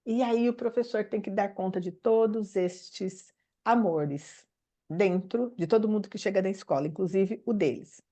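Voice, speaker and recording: A woman's voice: medium pitch, a little mellow. Questioning Brazilian woman teacher. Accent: Brazilian Portuguese. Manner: asks many rhetorical questions, tag "né?"; laughs as she speaks. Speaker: teacher and systemic pedagogy mentor. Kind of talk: informal talk to camera.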